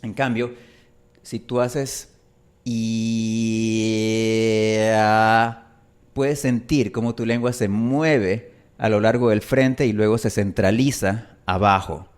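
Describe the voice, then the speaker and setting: A man's voice: medium pitch, unhurried, a little mellow. A man teaching Spanish pronunciation, a native speaker who enunciates carefully and draws out his example vowels. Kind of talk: pronunciation lesson.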